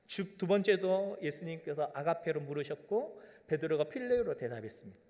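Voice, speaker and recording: A man's voice: high-pitched, a little mellow. A male pastor preaching a sermon in a church sanctuary, with an emphatic cadence that swells into direct appeals to his congregation. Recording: long reverb of a church hall.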